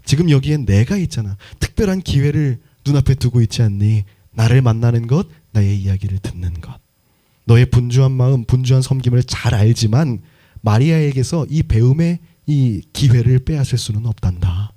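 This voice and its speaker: A preacher voicing a gentle, patient grown man who soothes by repeating names softly. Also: medium pitch, lively intonation, normal speed, lightly acted. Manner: soft, reassuring, repeats names.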